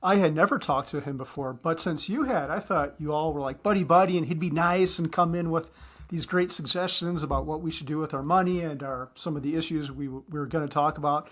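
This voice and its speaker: Man podcast co-host, casual chat, quick talker who trips over his words. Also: fairly high pitch, fairly bright tone. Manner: talks fast, stumbles and repeats words.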